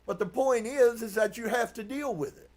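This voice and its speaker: A man preaching earnestly as a pastor, reading from a book and reflecting on it with soft laughs. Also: extremely high pitch, normal speed. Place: live stream.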